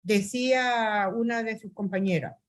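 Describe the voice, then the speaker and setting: A woman with a voice on the high side speaks a little slowly. She teaches an online university class over a video call using a computer mic, stepping methodically through each item and often hesitating with fillers.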